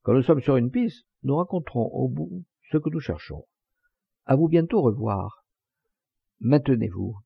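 A man reading the part of a gruff, loyal old countryman who talks in a rambling, folksy way. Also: medium pitch, expressive, unhurried, dry recording, full character voice. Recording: dull lo-fi dry recording.

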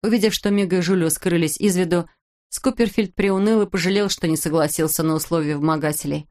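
An audiobook narrator reading a children's story in an even storytelling manner. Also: mid-range voice, brisk.

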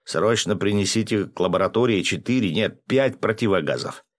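A man voicing a gruff guard captain who gives short, clipped orders in an audiobook. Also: fairly low pitch, moderate pace, close to an everyday voice. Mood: curt. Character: gruff male guard captain, curt and obedient.

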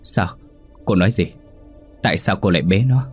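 A guilt-ridden older man, as a narrator acts him out, frantic and stammering in a ghost story reading. His voice is low and husky. Faint music runs behind. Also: lively intonation, normal speed. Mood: terrified.

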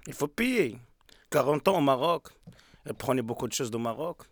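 A man's voice: mid-range voice, expressive, normal speed. A man speaking simple broken French in a street discussion, blunt and insistent. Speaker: street passer-by. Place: outdoors in a street.

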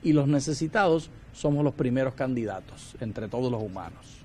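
A man's voice: mid-range voice, lively intonation, moderate pace, warm tone, a little hiss or hum. A man co-presenting a Bible study, speaking fervently and devotionally and reading scripture aloud.

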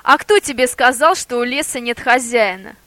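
A woman voicing a sly, bold male boar who talks in a lively, persuasive, theatrical way. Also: fairly high pitch, moderate pace, no echo, natural voice. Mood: persuading.

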